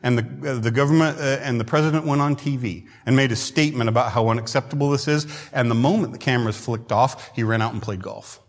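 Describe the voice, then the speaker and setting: A man preaching a sermon in a conversational way who often clears his throat, in a church hall. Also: mid-range voice, quick pace, hardly any pauses. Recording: long hall reverb.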